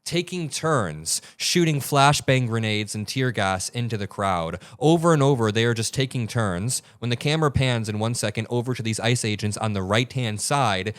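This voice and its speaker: A man's voice: medium pitch, lively intonation, normal speed, few pauses, dry recording, clean studio sound. A young man hosting an online news commentary show, talking in a heated, emphatic and blunt way as he breaks down video. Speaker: political commentary host.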